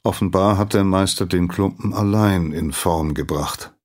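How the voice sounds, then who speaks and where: A man narrating a scripted story in a calm, measured manner. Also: sits low.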